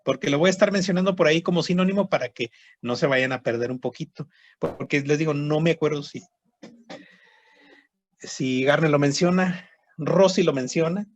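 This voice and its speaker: A man gives an online histology lecture, with a slightly high voice. He explains patiently, repeats key terms and keeps checking that students follow. The audio is dry and a little dull, like a computer mic on a video call. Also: no echo. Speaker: histology teacher.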